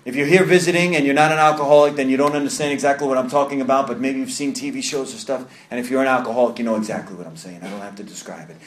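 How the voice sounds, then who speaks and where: A man in his thirties with a New York accent gives earnest personal testimony to a recovery group in a meeting room, often repeating and restarting phrases. His medium-pitched voice is very fast with hardly any pauses, and the sound is reverberant.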